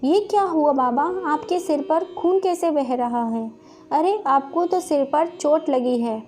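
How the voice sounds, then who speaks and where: A woman voicing a small village girl who pleads softly with her elders. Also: high-pitched, lively intonation, a little slow. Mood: pleading. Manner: pleading, plaintive.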